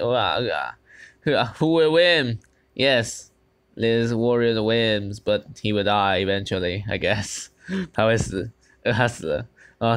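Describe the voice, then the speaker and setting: A young gaming channel host with a Taiwanese Mandarin accent gives casual, excited commentary on a battle game in a smooth, mid-range voice. He mixes in English and exclaims often.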